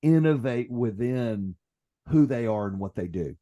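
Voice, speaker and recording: A man's voice: mid-range voice, animated, unhurried, mellow, highs cut off. A man hosting a podcast interview, asking eager questions and affirming his guest. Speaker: podcast host.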